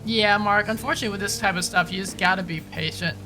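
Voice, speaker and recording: Talking fast over music on a rough recording, a game streamer keeps up casual, slangy chatter with viewers, often saying "dude" and "man" as he comments on the action. His pitch is high and his tone stays steady.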